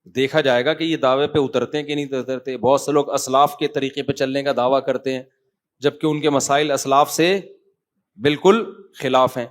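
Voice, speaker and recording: A man's voice: medium pitch, fairly even intonation. Tired cleric answering questions, middle-aged man. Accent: Pakistani Urdu. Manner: conversational, lecturing, addresses listeners as brother. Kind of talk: sermon Q&A, reading questions aloud.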